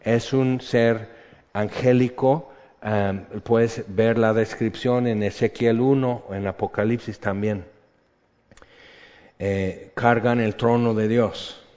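An older man preaching a sermon, animated and conversational, dropping to a hush for emphasis. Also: lowish voice, takes it slowly. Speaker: pastor. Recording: echoey hall, dull lo-fi sound.

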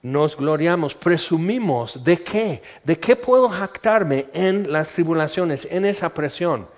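A man's voice: fairly high pitch, lively intonation, slow pace, darkish tone. A man preaching a conversational, humorous sermon and acting out everyday scenes. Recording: muffled lo-fi recording.

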